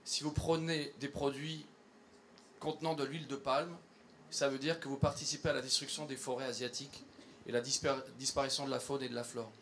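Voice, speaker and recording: A man speaking at a public event, earnest in tone and pausing often with fillers and restarts. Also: medium pitch, little pitch movement, fairly bright tone, slight background noise. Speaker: environmental campaigner addressing company staff. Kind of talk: public talk to an audience.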